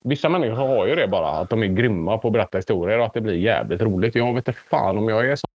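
A man's voice: lowish voice, expressive, no room sound, highs cut off. A man with a mixed Swedish dialect, largely Gothenburg, chatting casually as a podcast co-host. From Gothenburg, Sweden. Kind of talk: casual chat.

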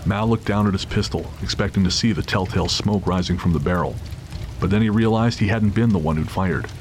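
Reading as narrator of an audio drama, a man delivers a dramatic scripted story in a low voice and at a brisk pace. The recording clearly carries background noise and ambience.

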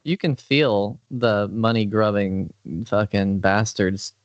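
A man's voice: on the low side, slow, no echo. A man joking crudely in a casual game podcast chat. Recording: dry dull lo-fi mic.

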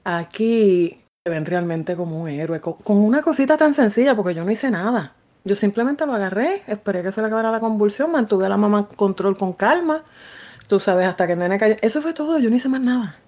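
A middle-aged woman with a Puerto Rican accent, co-hosting a podcast and telling a story in casual chat, profane and animated, shouting out the lines she quotes. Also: mid-range voice, brisk. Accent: Puerto Rican Spanish. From Puerto Rico. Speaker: podcast co-host.

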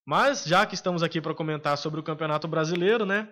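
A man with a Brazilian Portuguese accent, co-hosting a podcast in casual sports chat, opinionated and hesitant with frequent filler pauses. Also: a little high, fairly bright tone. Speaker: podcast co-host.

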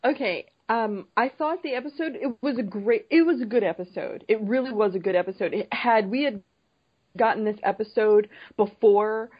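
A woman's voice: on the high side, normal speed, slightly rough, dry recording. Woman co-host chatting, dry dull-edged audio. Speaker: podcast co-host. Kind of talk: casual opinionated chat.

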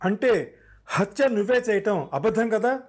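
A stern policewoman in a spoken story, voiced by a male narrator, her questions firm and impatient, pitched well above his usual range. she comes across as a sharp investigator. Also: brisk, lightly acted. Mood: exasperated.

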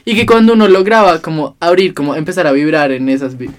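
A man, chatting as podcast co-host in a recording studio, excitable and laughing, swearing often. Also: fairly high pitch, fast. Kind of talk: casual chat.

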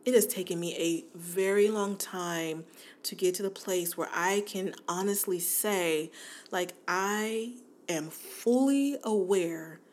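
Casting: woman, 40s, podcast host, warm chatty delivery, slightly low voice, laughs easily. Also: slow pace. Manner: chatty, laughs often, addresses listeners as y'all. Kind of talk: casual podcast monologue.

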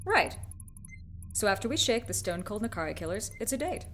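An actress playing a wry, confident ship's medic in an audio drama, with a dry, teasing manner. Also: female voice, mid-range voice, very animated, brisk, fairly bright tone, faint music behind.

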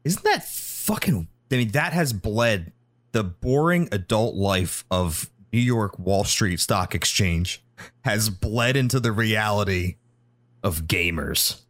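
A man co-hosting a gaming podcast in casual chat, his pitch swinging widely as he rants with indignation and swears freely. The sound is dry and close, with no room echo. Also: animated, slow, a bit bright. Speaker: podcast co-host.

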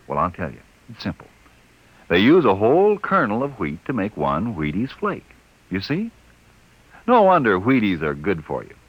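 A male radio announcer giving a folksy, chatty commercial pitch full of rhetorical questions, heard from an old broadcast disc transcription. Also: wildly swooping pitch, normal speed. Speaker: sponsor announcer. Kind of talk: scripted radio commercial read. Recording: dull lo-fi vintage radio transcription.

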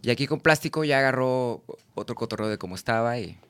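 A man's voice: medium pitch, animated, fast, a bit bright, clear, resonant tone, no echo. Slangy Mexican man telling stories. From Tabasco, Mexico. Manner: rambling slangy anecdotes, acts out quoted friends. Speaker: singer-songwriter guest. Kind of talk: casual storytelling interview.

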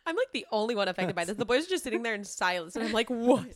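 A woman's voice: medium pitch, very animated, very fast, a bit bright. A woman co-hosting a podcast who reacts to a friend's story with exclamations, questions and laughter. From California. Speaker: podcast co-host. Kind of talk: casual chat.

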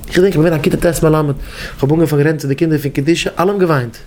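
A man teaching educators in a rabbinic lecture, telling stories in halting, repetitive speech. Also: on the high side, fairly even intonation, a little mellow, a little hiss or hum. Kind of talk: Yiddish-flavored Torah lecture.

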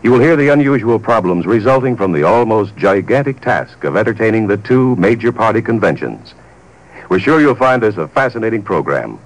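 A man's voice: fairly low pitch, expressive, fairly quick, low-quality recording. Polished 1940s radio announcer man. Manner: formal, polished, emphatic.

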